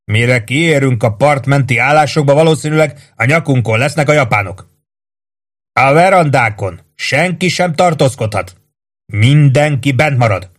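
A man reading an audiobook, voicing a gruff army first sergeant who shouts orders at his troops in a loud, raised voice. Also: medium pitch, pitched above the performer's own voice, natural voice. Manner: barks commands, curses, loud and emphatic.

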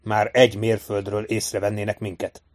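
A seasoned manhunter with a fairly low voice, speaking gently and evenly with quiet, measured assurance, as a male reader puts him on. He sounds firm and unhurried, a storybook figure who never needs to raise his voice. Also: little pitch movement, natural voice. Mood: steady.

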